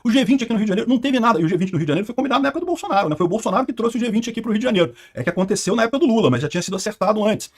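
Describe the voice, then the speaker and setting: Fast-talking, high-voiced Brazilian man. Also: animated. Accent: Brazilian Portuguese. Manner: fast, indignant, scornful remarks. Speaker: channel host reacting to news clips. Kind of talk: political react commentary.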